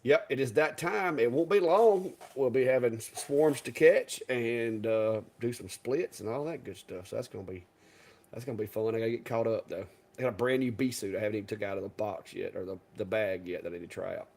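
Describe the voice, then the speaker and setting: A man with a drawl chats on a live stream. His talk is folksy and rambling, and he often restarts his sentences. His voice sits at an ordinary middle pitch. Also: a little fast, creaky, a little mellow. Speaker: co-host. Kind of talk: casual live-stream chat.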